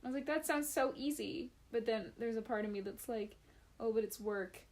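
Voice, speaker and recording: A young woman in her twenties co-hosts a loose, casual podcast, her slightly high voice sounding worn and fatigued. She rambles, laughs at herself often and pokes fun at her own sluggishness. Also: normal speed. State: fatigued voice after jaw surgery. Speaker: podcast co-host. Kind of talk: casual chat.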